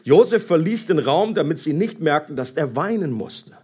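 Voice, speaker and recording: A man reading a Bible story aloud and commenting on it in a conversational, animated way with hesitations. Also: on the high side, normal speed, breathy edge.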